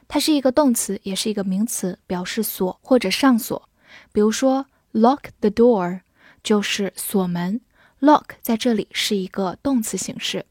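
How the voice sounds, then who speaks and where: A woman teaching English vocabulary, who spells words letter by letter and reads example sentences slowly. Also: medium pitch, darkish tone, dry recording, studio quality. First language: Chinese. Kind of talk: slow, clear vocabulary lesson.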